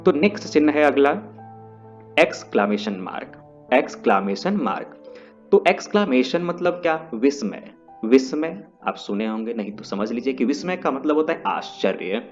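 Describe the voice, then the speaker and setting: A man's voice: medium pitch, very animated, moderate pace. A man teaching an English lesson in a classroom style, explaining step by step and repeating key terms. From India. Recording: dull lo-fi audio with faint music.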